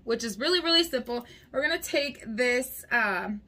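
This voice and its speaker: A woman in her thirties, slightly congested, chats and giggles casually while applying makeup for a tutorial, sitting close to a camera in a small room at home. Her voice is a little high with lively intonation and a normal pace. There's noise in the background.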